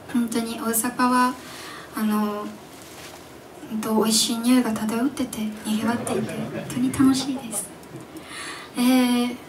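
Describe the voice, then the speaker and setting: A young woman in her twenties, a singer chatting with her audience at her own live show, animated and giggly as she tells stories. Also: fairly high pitch. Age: 20s. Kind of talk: casual stage MC chat with the audience. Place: live music venue stage. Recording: distant mic in a live club, faint background noise.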